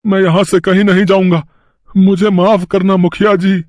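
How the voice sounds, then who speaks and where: An earnest, stubborn farmer speaks with feeling in a high voice for a man, as a man plays him. The cartoon voice is dry and close. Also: little pitch movement, moderate pace, a little mellow, no room sound, close to an everyday voice. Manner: earnest, emotional. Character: stubborn village farmer devoted to his land. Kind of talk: cartoon voice acting.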